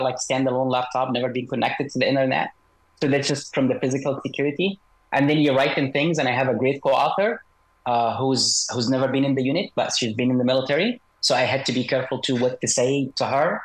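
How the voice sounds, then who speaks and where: A man speaks as an interview guest in a slightly altered voice, processed to disguise him. His pitch sits in the middle, and he explains things in a measured, halting, conversational way. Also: poor audio. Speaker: interview guest, author and former military unit member.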